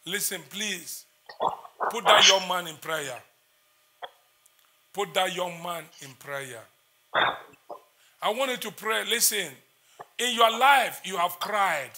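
A man's voice: high-pitched, lively intonation, slow, long pauses, pushed and bright. A man, preaching as a prophet in a church service, intense and repetitive as he declares prayers.

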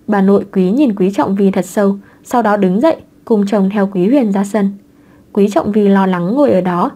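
Mellow-voiced woman reading a novel aloud. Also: medium pitch. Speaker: audiobook narrator. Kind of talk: scripted novel narration.

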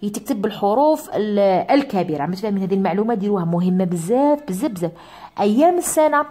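Animated Algerian woman teaching English words. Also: medium pitch. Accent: Algerian Arabic. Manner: drawn-out repetitions of words for pupils. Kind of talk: classroom lesson.

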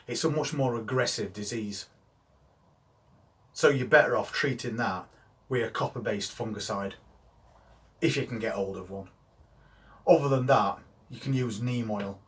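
Plain-spoken older gardener. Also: male voice, mid-range voice, fairly bright tone. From England. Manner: plain, practical, talks straight to camera. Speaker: gardening channel host. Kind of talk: instructional gardening video. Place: greenhouse on an allotment.

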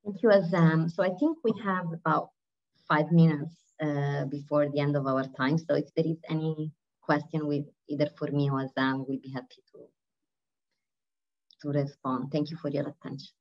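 A woman with a very low voice speaks briefly and politely on a video call. The sound is dull and muffled, and she is heard from some distance. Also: fairly even intonation, moderate pace. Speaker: panel speaker. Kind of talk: webinar moderation.

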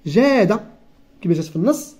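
A teacher with a Moroccan accent explaining a textbook lesson, repeating key words and reading textbook lines slowly. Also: medium pitch, expressive, warm tone. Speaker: primary school teacher.

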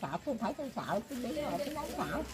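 A woman's voice: a little high, big pitch swings, very fast. An elderly woman talking in a rambling, casual way, often laughing as she speaks. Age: older. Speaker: elderly woman being interviewed.

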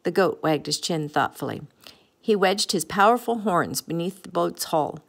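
A woman reading a picture book aloud in an expressive, gentle way. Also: fairly low pitch, normal speed, gravelly. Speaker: storybook reader.

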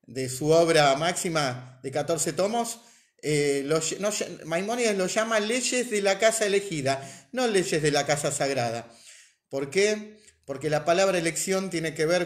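Male religious teacher, higher than usual voice, explanatory, full of rhetorical questions. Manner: explanatory, rephrases points, asks rhetorical questions. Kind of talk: weekly religious class.

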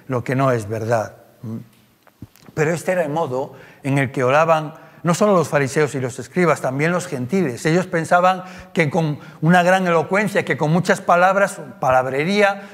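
A man's voice: on the high side, fairly bright tone. A male preacher with a Spain Spanish accent, giving a conversational sermon full of rhetorical tag questions. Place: church. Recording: long church reverb.

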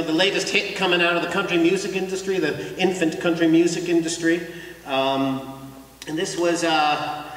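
A man's voice: fairly high pitch, a bit bright, distant mic, a little hiss or hum. Wry man lecturing in an echoey church. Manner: wry, conversational storyteller. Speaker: lecturer and folk performer. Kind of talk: live documentary lecture. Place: church, indoors.

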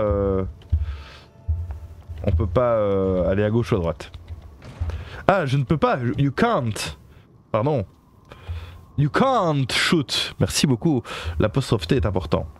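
A man with a French accent chats through a live game stream at a middle pitch, stopping often to read the on-screen text and translate it for his viewers. He talks in halting bursts full of fillers and restarts, with faint music playing behind him. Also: darkish tone. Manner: halting, many fillers and self-corrections, reads game text aloud and translates it; chats with viewers and thanks them. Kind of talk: casual live game commentary.

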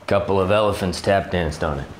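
A man playing a hard-boiled ex-cop detective and narrating a comic noir parody, with deadpan, wisecracking delivery. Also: deep voice, brisk, very noisy, lightly acted.

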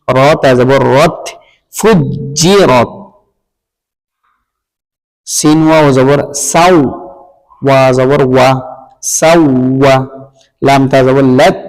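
A man teaching Quran reading, patiently spelling out each syllable and blending them in a slow, repetitive drill. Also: medium pitch, darkish tone. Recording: long hall reverb.

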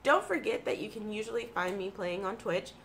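A woman's voice: mid-range voice, expressive, a little fast, fairly bright tone. An American woman in her thirties, congested with allergies, chatting casually and enthusiastically to camera in a home room. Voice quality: congested, slightly froggy from allergies. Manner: informal, enthusiastic, self-deprecating. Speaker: video blogger and streamer. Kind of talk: casual chatty favorites vlog. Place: small home room with computer desk. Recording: clear background room noise.

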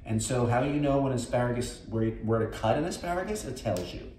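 A man's voice: medium pitch, expressive, fairly quick, a little mellow, a little hiss or hum. Chatty New man in echoey kitchen. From New York. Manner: chatty, rambling, health-focused asides. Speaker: host. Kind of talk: casual cooking demonstration. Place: home kitchen, indoors.

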